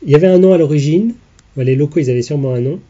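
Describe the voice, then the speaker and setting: A man's voice: a little high, rapid-fire, mellow, lo-fi sound. A man hosting a podcast, explaining things in casual chat and teasing his co-host.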